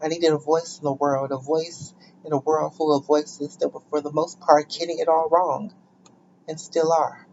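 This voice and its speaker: A woman performance artist delivering spoken-word poetry, chanting repeated words in rhythm and breaking into deliberate stammers. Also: sits low, level tone, a little mellow, lo-fi sound, a little hiss or hum. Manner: rhythmic, incantatory repetition.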